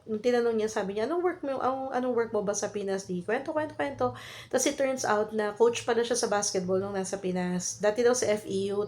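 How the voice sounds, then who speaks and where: A woman's voice: mid-range voice, a little mellow. A woman in her thirties with a Filipino accent, telling a casual story in a vlog in chatty Taglish with lots of fillers, while she has a cold and a cough. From Philippines. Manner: chatty Taglish with many fillers and tag questions. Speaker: vlogger.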